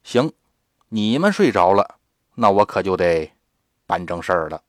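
A man voicing a scheming man who poses as a Taoist priest in a told story, hushed at times and calling out insistently at others. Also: deep voice, sing-song, a little slow, no echo, clean studio sound, pitched below the performer's own voice. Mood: sly, hushed.

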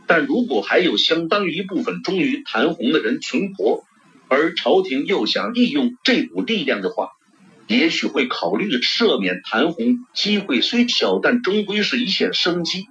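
Expressive male audiobook narrator. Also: fairly high pitch, moderate pace. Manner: expressive storytelling. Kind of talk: novel narration. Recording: dull lo-fi recording.

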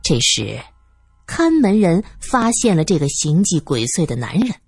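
A woman narrating a serialized audiobook, animated and acting out each character. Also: lowish voice, a little slow, slightly rough, no room sound, studio quality, faint music behind. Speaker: storyteller.

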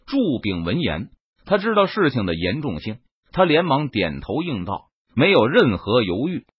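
A man's voice: medium pitch, slightly rough, no echo, highs cut off. A man narrating a martial fantasy novel as scripted audiobook storytelling, lightly voicing the characters in a dramatic way.

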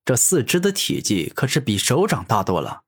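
A man's voice: mid-range voice, huge pitch swings, moderate pace, husky. A man doing a cocky young hero. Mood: mocking. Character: arrogant young male hero, calm and mocking. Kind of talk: audiobook character voice.

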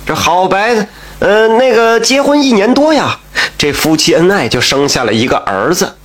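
A man's voice: a little high, a bit bright. A man telling a folk tale in a chatty, colloquial way, with asides and exclamations. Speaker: storyteller.

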